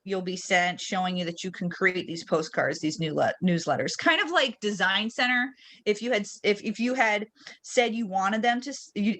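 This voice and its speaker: A woman with a medium-pitched, fairly bright voice leads an online software webinar. She shares her screen and trains people informally, explaining each step and asking check-in questions along the way.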